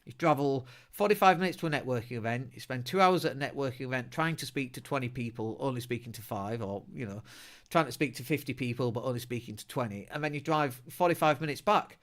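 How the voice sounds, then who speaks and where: A middle-aged man from Leeds in Northern England hosts a casual solo podcast, talking fast in a medium-pitched voice. He's chatty and blunt, with plenty of self-mocking humour.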